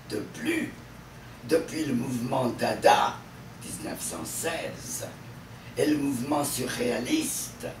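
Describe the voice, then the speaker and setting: Slow, lively-voiced male lecturer. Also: lowish voice, vocal fry, background noise. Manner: expressive, theatrical delivery. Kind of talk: lecture on French verse. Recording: distant mic in an echoey room.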